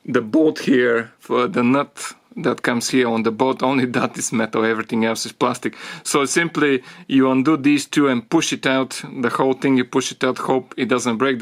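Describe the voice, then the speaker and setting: A man explaining a car repair as he works on it, thinking aloud in halting phrases and getting out of breath from the effort. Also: mid-range voice. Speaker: DIY car repair presenter. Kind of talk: hands-on repair tutorial.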